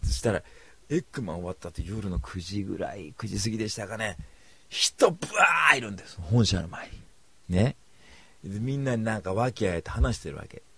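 Gravelly-voiced man telling a rambling story. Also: on the low side, a little fast, dry recording. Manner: drifts between mumbling asides and loud bursts. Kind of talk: casual rambling anecdote.

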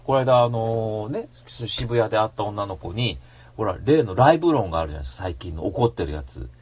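A man hosting a radio show in a casual rambling monologue, slangy and animated, breaking into mock-angry rants. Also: lowish voice, brisk, slightly rough.

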